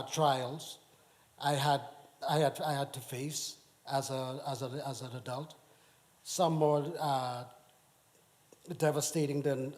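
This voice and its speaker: Man from the Bahamas, church testimony, slow halting delivery, somewhat high voice. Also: a little mellow. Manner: slow, halting, with many restarts. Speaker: church member giving testimony. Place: church sanctuary.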